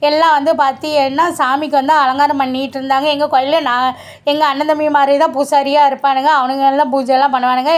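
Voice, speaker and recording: A woman, chatting to her viewers in a casual family vlog. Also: high voice. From Tirunelveli region, Tamil Nadu. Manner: chatty, addresses viewers directly. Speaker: vlogger.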